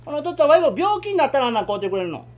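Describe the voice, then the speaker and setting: A man's voice: extremely high pitch, big pitch swings, racing, pitched above the performer's own voice. A man voicing a greedy, pestering little boy with a Kansai accent in rakugo storytelling. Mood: wheedling. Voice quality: whiny, wheedling.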